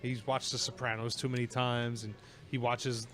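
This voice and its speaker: A man's voice: mid-range voice, little pitch movement, normal speed. A man co-hosting a casual podcast, asking questions and making sarcastic jokes. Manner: wisecracking, sarcastic. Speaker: podcast co-host. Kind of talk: casual chat.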